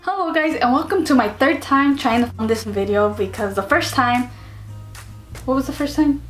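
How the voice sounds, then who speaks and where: A young woman in her twenties talks casually to her camera with a fairly high, bright voice. She is chatty and self-mocking, laughing at herself as she goes. Faint music plays underneath. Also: normal speed. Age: 20s. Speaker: beauty and lifestyle vlogger.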